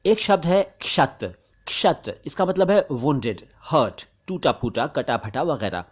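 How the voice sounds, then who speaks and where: A man teaching pronunciation, enunciating each word carefully and slowly and repeating it to contrast wrong and right sounds. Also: a little high, big pitch swings, husky. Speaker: language teacher. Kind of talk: pronunciation lesson narration.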